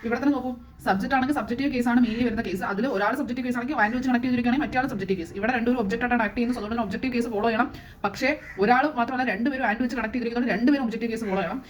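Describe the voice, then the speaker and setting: A woman's voice: on the high side, rapid-fire. A woman with a Malayali accent teaching an English grammar lesson, asking questions and answering them herself.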